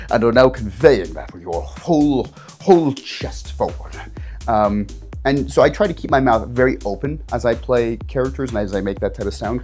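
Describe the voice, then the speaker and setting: A man, a game master, teaching tabletop players how to do voices in a casual instructional video, jumping his pitch up and down to demonstrate. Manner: animated, jumps pitch up and down to demonstrate.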